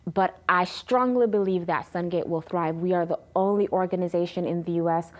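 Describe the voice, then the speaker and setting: A woman in her thirties giving an earnest personal testimony in an interview, lively when she retells conversations. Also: lowish voice, a little fast. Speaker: interview guest.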